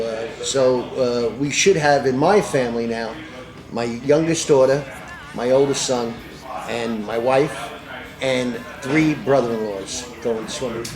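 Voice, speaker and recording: A man's voice: medium pitch, reverberant. A middle-aged man leading a swim club, talking in a casual interview, boisterous and full of uh fillers. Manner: boisterous, hesitant with many uh fillers. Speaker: polar bear club ringleader.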